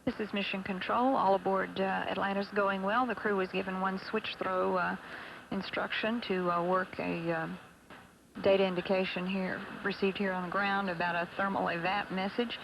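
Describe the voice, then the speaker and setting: Female mission commentator: flat delivery, gravelly edge, halting phrasing, noisy broadcast feed. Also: medium pitch. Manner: hesitant, halting with many pauses. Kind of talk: live launch commentary.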